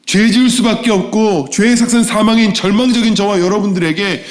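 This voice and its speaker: A middle-aged male pastor preaching a sermon, swinging between soft low asides and raised exhortation. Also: brisk.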